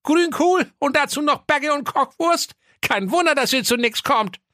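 A woman's voice: sits high, animated, normal speed, sharp tone, no room sound, clean studio sound. A woman voicing a grumpy, stingy old male junkyard owner, grumbling and scornful in a comic audio story.

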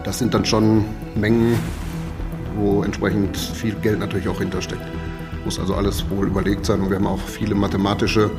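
A man's voice: on the low side, little pitch movement, a little fast, long reverb tail, music in the background. A man working in energy purchasing, giving patient interview answers and explaining with everyday comparisons.

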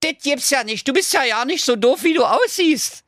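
A man's voice: extremely high pitch, lively intonation, normal speed, a bit bright, no echo, studio quality, pitched above the performer's own voice. A man putting on a cocky talking dog. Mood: goading. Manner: cocky, teasing, mocking laughter. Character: cheeky boastful male talking dog, swaggering con artist.

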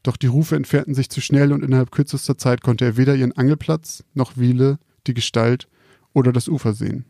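A man calmly reading out a scripted spooky story in a measured, quiet storytelling manner. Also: medium pitch, gravelly, no echo, clean studio sound.

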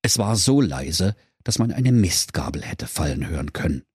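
A man's voice: deep voice, very animated, normal speed, darkish tone, husky, dry recording. A man narrating a comedic fairy tale in a mock-solemn storybook manner, on a close studio mic.

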